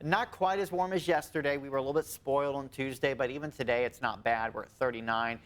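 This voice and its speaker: A man's voice: medium pitch, fairly even intonation, fast talker, a bit bright. A man co-hosting a local morning TV show, reading news items and the weather forecast, often breaking into laughter.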